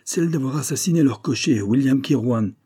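A man reading an audiobook, voicing a sharp, commanding detective who speaks briskly and insistently. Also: mid-range voice, breathy edge, no room sound, studio quality, pitched above the performer's own voice, natural voice. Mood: urgent. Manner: brisk, insistent, quick to exclaim. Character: sharp, commanding male detective, middle-aged.

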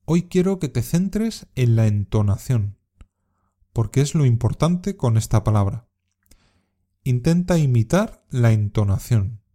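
A man teaches a scripted language lesson, talking slowly and carefully. His voice is mellow and relaxed. He sets out each example so that learners can copy his intonation. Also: mid-range voice. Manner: slow, careful, modelling intonation for repetition. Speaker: Spanish teacher.

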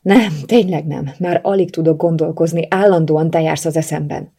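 A woman reading the lines of a lovesick young male police officer in an audiobook, in an intense, low-voiced way. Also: steady tone, dark tone, breathy edge. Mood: strained.

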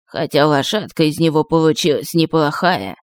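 A woman reading an audiobook, voicing a shrewd old witch with a calm, knowing manner. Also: low-pitched, normal speed, no room sound.

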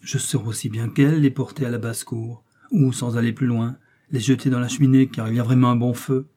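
A pedantic village barber, as a man reads him in an audiobook, ready to correct a wrong word. Mellow, husky voice. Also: mid-range voice, steady tone, a little fast, lightly acted.

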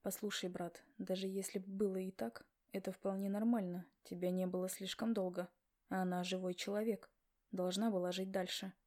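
A woman voicing a calm, steady brother in an audiobook, speaking in a measured, soothing way. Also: medium pitch, pitched below the performer's own voice, lightly acted. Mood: reassuring.

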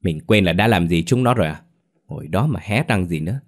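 A sharp-tongued, greedy wife snaps and scolds in a raised, shrill voice, as a low-voiced man puts her on. She speaks in a storybook ghost tale. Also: animated, brisk. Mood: panicked.

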